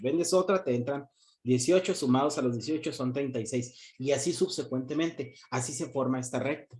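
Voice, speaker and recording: Joking teacher lecturing online. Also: male voice, mid-range voice, darkish tone. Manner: joking, asks questions and answers them himself. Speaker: university economics teacher.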